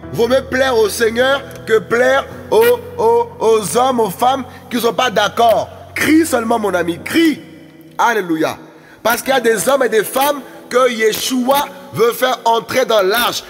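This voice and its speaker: A high-pitched man delivers a fiery, exhorting sermon, hammering phrases again and again. His voice rings through a long, echoing hall with faint music underneath. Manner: shouting and exhorting, repeating words. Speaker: preacher.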